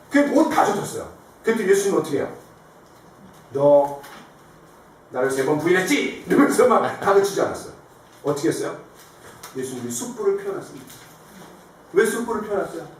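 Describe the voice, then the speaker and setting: Pastor guy preaching a sermon, acts out the lines, asks the room questions, big echo from far away. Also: high-pitched. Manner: animated storytelling, acting out quoted lines. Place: church sanctuary. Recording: echoey hall, distant mic, faint noise.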